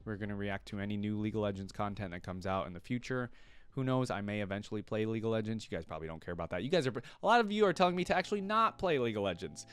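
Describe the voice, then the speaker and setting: This reaction-video host has a fairly low, expressive voice and talks at a racing clip, recorded clean with no echo. His casual commentary to camera wanders as he thinks aloud, and he frequently questions himself with a tag.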